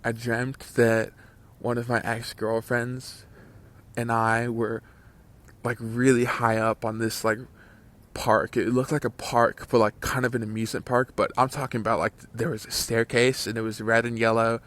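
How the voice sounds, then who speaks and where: During a casual story time over gameplay, a channel host in his twenties wanders through a long tale, repeatedly restarting and using lots of fillers. His medium-pitched voice is level in tone, a bit bright, and moves at a moderate pace.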